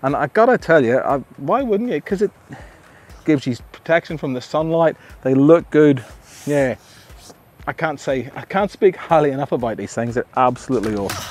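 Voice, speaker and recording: A man's voice: fairly high pitch, lively intonation, moderate pace, darkish tone, slight background noise. Enthusiastic Australian man outdoors. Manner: enthusiastic, chatty, restarts often. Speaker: camping gear reviewer. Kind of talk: casual outdoor product review. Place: outdoor campsite among trees.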